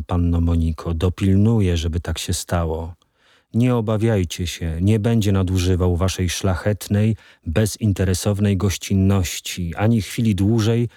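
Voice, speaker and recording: Male narrator as a calm, menacing older grandmother in an audiobook, deep and measured, dry. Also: no room sound.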